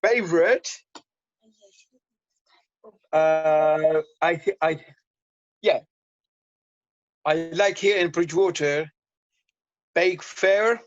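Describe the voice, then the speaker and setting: A man from Syria with a Syrian Arabic accent, talking on a video call in halting, simple English with lots of repeated words, tired and thirsty from fasting. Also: on the high side, no echo, highs cut off. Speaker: guest. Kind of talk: casual chat on a video call.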